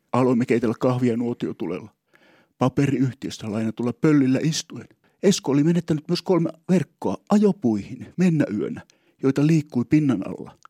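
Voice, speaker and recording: A man's voice: mid-range voice, mellow, slightly rough, no room sound, clean studio sound. A man telling a humorous story about himself in a rambling, wry, mock-solemn way, often stopping and restarting his thoughts. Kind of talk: humorous first-person storytelling.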